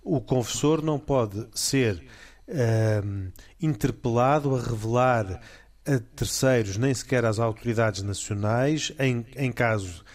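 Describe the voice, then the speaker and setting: A man's voice: mid-range voice, slow pace. A man with a European Portuguese accent summarizing the point formally in a panel discussion.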